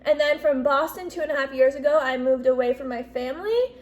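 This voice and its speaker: A high-pitched, slightly fast voice belongs to a YouTuber in her twenties from the US Northeast, filming a casual Q&A vlog. She's bubbly and talkative, scattering "like" and "literally" throughout her speech.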